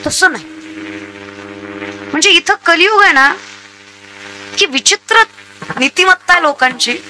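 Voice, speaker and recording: A woman's voice: very high-pitched, pushed and bright, slight background noise. A woman preaching a comic devotional sermon, scolding the crowd and mimicking villagers. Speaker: kirtan preacher.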